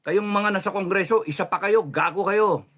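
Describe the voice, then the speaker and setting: Man in a heated cursing rant. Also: normal speed. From Philippines. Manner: heated, cursing, swings between shouting and low controlled muttering. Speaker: political commentator. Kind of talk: angry political rant.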